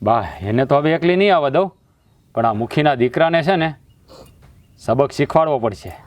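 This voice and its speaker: A man's voice: fairly high pitch, expressive, normal speed, no room sound, natural voice. An actor playing a hot-tempered young village man who protects his sister, speaking angrily in a village family drama. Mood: furious. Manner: angry, heated. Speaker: protective brother.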